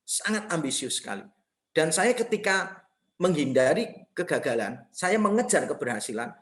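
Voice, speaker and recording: A middle-aged man from Indonesia, preaching a sermon in a conversational, storytelling way. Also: high-pitched. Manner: conversational, animated storytelling with laughs. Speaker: pastor.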